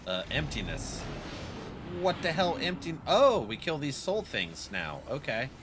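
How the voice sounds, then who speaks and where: Animated, unhurried man commenting over gameplay. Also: a little high, noisy background. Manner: slangy, reactive, joking to himself. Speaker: video game streamer.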